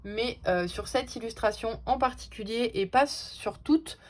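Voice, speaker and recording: A woman chats casually while opening trading card packs. Her voice sits a little high. She talks in loose, hesitant runs, full of small fillers. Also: measured pace. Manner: chatty, hesitant, with frequent fillers.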